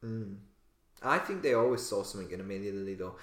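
A man's voice: lowish voice, expressive, fast. A man co-hosting a casual podcast chat, gossipy and opinionated, often laughing. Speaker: podcast co-host. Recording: echoey room.

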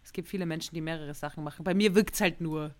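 A woman, co-hosting a casual podcast and telling an animated anecdote full of slang and swearing. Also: low voice, fast talker. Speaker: podcast co-host.

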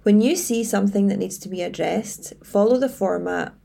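Female coach presenting structured advice, measured and tidy, with a mellow tone and gravelly fry. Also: medium pitch. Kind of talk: scripted advice presentation to camera.

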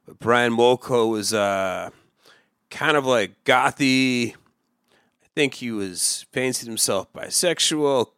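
A man's voice: mid-range voice, a bit bright, clear, resonant tone, dry recording. Wry, rambling man on a dry close mic. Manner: rambling, wry, self-mocking storytelling. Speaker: podcast co-host. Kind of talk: casual chat.

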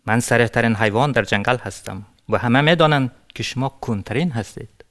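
A man from Afghanistan voicing a boastful, quick-tempered male hare in a storybook tale, shouting scornfully. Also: mid-range voice, close to an everyday voice. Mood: angry.

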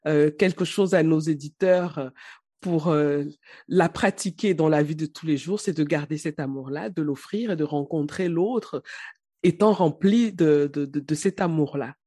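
A woman interviewing a poet, speaking admiringly and haltingly, often restarting her phrases. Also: deep voice, warm tone, slightly rough, no room sound, studio quality. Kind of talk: interview conversation.

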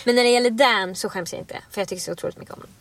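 A woman's voice: a little high, fairly bright tone, no room sound. A young woman co-hosting a podcast, chatting casually and telling stories animatedly, acting out quotes. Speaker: podcast host. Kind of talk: casual chat.

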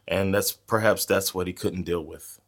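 A man's voice: low-pitched, steady tone, moderate pace. A man with an American accent, co-hosting a podcast and telling a story in casual, joking chat, laughing often. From United States. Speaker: podcast co-host.

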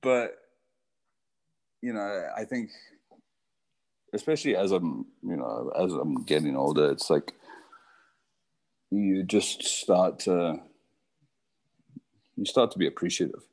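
A man's voice: low-pitched, expressive, takes it slowly, pauses often, darkish tone. A young man from Zimbabwe, a surfer, talking casually as an interview guest with lots of fillers and restarts.

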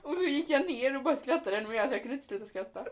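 In an animated casual chat with her brother, a young woman laughs as she tells stories. She curses in passing and mimics shrill cries while recounting events.

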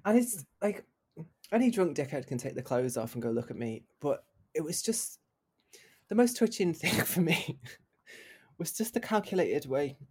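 A man, a musician, telling animated, sweary anecdotes in a casual podcast chat. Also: a little high, moderate pace, pauses often, slightly rough.

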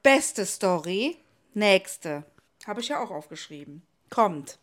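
A woman, co-hosting a casual podcast chat and telling stories with animated energy. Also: slow. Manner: animated storyteller, swings pitch widely. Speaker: podcast co-host.

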